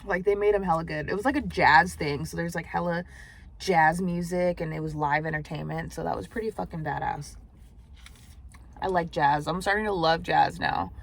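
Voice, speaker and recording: A woman's voice: on the low side, moderate pace, vocal fry. A young woman chatting casually and profanely while eating in a parked car, often dropping to a near whisper. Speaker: mukbang vlogger.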